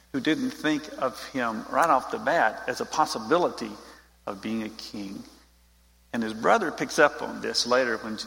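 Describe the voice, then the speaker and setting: A man's voice: medium pitch, vocal fry, fairly bright tone, long reverb tail, poor audio. A man giving an informal Bible teaching, talking straight to his group in a conversational way.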